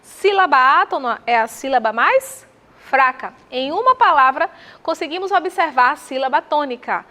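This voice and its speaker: A woman with a Brazilian accent teaching Portuguese, walking through exam answers with rhetorical questions and slow repetition of terms. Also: high voice, animated, sharp tone. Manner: didactic, asks the viewer rhetorical questions; spells out terms slowly and repeats them.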